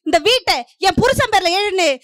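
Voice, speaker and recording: A woman's voice: extremely high pitch, a little fast, a bit bright, dry recording, studio quality. A middle-aged woman from Puducherry giving a stage debate speech, declaiming in rhythmic parallel lines and pressing her point. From Puducherry, India. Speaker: debate speaker.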